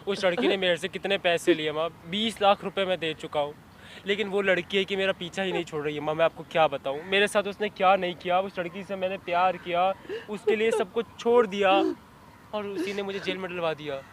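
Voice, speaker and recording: A man's voice: sits high, a little fast, slight background noise, lightly acted. A young man acting as a son just out of jail, pleading with his mother and repeating her name over and over in a drama skit.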